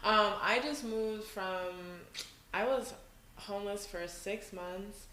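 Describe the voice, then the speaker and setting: A woman's voice: medium pitch, slow pace, pushed and bright, slight background noise. A woman from New York hosting a casual podcast interview in someone's living room, chatty and full of fillers. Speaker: podcast host. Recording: echoey room.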